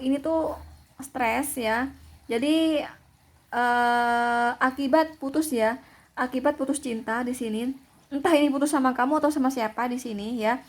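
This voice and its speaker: A woman giving a casual tarot reading to her viewers, chatty and repetitive, full of filler words. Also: high voice. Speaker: tarot reader.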